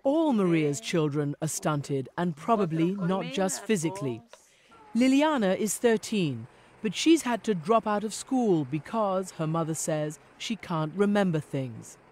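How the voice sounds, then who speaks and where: A middle-aged woman correspondent giving a measured, earnest scripted news narration. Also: fairly low pitch, very animated, darkish tone.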